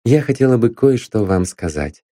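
A man reading an audiobook, voicing a calm, cool-headed young woman detective who speaks softly and politely. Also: mid-range voice, moderate pace, dry recording, studio quality, natural voice. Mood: gentle. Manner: soft, calm and composed.

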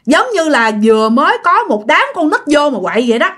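A woman's voice: high-pitched, sing-song, brisk, fairly bright tone. A woman with a Southern Vietnamese accent narrating ghost stories in a chatty, casual way and speaking straight to her listeners. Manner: chatty, addresses listeners directly. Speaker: storyteller.

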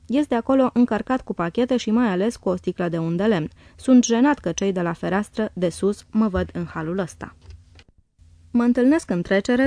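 A woman narrating a diary in a calm, measured reading voice. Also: mid-range voice, dry recording, studio quality. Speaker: audiobook reader.

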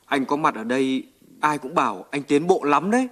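A man's voice: a little high, normal speed. A teasing young militiaman. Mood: concerned. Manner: teasing, lively, polite to elders. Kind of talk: radio drama acting.

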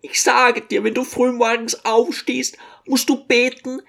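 A man reading an audiobook and voicing a fussy, pious, tearful old mother in a high, pleading voice. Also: level tone, unhurried, gravelly, fairly bright tone, exaggerated voice. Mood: fretting. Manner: pleading, fretful, high-pitched. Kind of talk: audiobook character voice.

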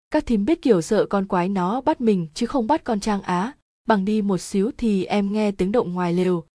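A woman's voice: medium pitch, dark tone, no echo, studio quality. A woman reading a first-person horror story aloud in a casual, slangy way, addressing her listeners directly.

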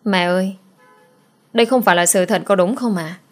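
A woman's voice: mid-range voice, moderate pace, faint music behind, close to an everyday voice. A woman voicing a sad young girl who pleads tearfully with her mother. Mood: pleading.

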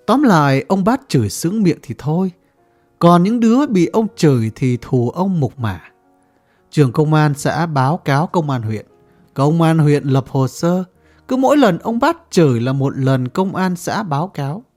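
A narrator reading a story aloud in a measured, wry storytelling voice. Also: medium pitch, big pitch swings, a little mellow, soft background music. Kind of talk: audiobook narration.

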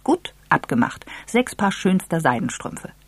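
A sly, good-humoured elderly gentleman who enjoys teasing, voiced by a storyteller. He speaks in a dry, easy tone with a slight breathiness. The sound is close and free of room echo. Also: medium pitch, very animated, unhurried, slightly rough, heavily acted.

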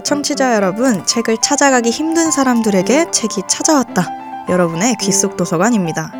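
A young woman hosting a radio book show in a polite, neatly enunciated announcer style, addressing listeners. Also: on the high side. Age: young adult. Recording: music under the voice. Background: background music.

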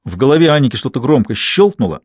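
Male audiobook narrator, even delivery, dry booth sound. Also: mid-range voice, fast talker, husky, no room sound. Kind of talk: scripted narration.

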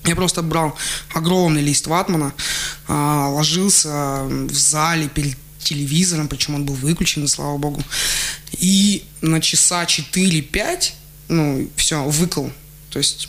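A man with a slightly high voice is a guest on a radio show, telling childhood stories in a relaxed interview. He's chatty and laughs often, with many fillers and restarted sentences, recorded on a studio microphone in a radio studio.

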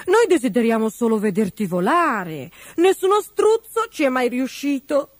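Small timid storybook ostriches, voiced by a woman, high and pleading. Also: sing-song, moderate pace, no room sound.

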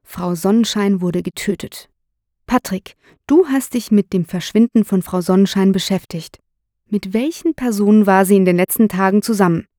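A woman's voice: mid-range voice, normal speed, mellow, no room sound, natural voice. Woman doing a strict detective guy grilling a suspect, firm, dry audiobook sound. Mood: stern. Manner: firm, probing questions. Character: stern middle-aged male police detective.

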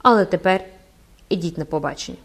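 A sinister cloaked stranger with a sepulchral, hushed voice, as a woman reader puts him on. He speaks low and coldly, with a menacing calm. This is a storybook audiobook reading. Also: fast. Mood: grave, restrained. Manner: low, hushed, cold delivery. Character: brooding cloaked man, eerie phantom-like stranger.

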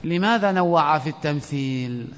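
A man teaching an Arabic grammar lesson in a classroom, quizzing his students and reciting verse slowly. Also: fairly high pitch, lively intonation, fairly bright tone, slight background noise. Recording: dull lo-fi audio with long hall reverb.

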